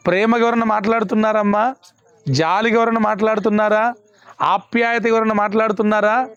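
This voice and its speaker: A man's voice: high-pitched, fairly bright tone, smooth, no room sound. A male pastor preaching a sermon, emphatic and repeating his questions to the congregation. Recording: dull lo-fi, dry sound.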